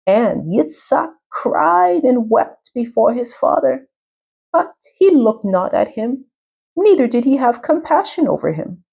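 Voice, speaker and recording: A deceiving spirit in the guise of a humble old man , read aloud by a woman. The voice sits a little higher than her usual and presses its claims in an earnest, insistent way, like a figure in a storybook reading. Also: very animated, measured pace, gravelly, warm tone, husky, exaggerated voice.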